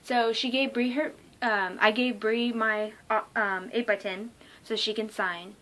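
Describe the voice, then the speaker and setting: Bright-voiced young woman, excitable rambling vlogger. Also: fairly high pitch, unhurried. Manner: excited, rambling with many ums and likes. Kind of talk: casual storytime vlog.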